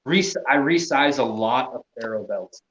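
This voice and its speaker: A man's voice: medium pitch, expressive, measured pace, a bit bright, highs cut off. Laid-back man in a roomy space. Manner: laid-back, trailing off, swears casually, laughs often. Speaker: podcast guest, gear maker. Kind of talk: casual chat.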